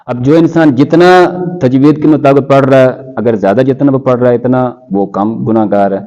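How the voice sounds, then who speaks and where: A man who teaches Quran recitation, answering interview questions in a measured way and quoting scholars in Arabic. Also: mid-range voice, warm tone, lo-fi sound.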